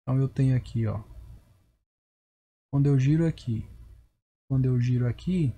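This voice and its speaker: A man's voice: mid-range voice, normal speed, mellow, husky. A male math teacher with a Brazilian Portuguese accent, giving a recorded lecture and checking in with viewers as he explains each step.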